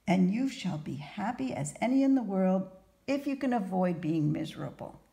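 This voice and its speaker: A sly male fortune teller in a storybook, pronouncing each prediction slowly and with confidence, read aloud by a woman. His lines rise and fall in a lively way, with a gravelly texture. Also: medium pitch.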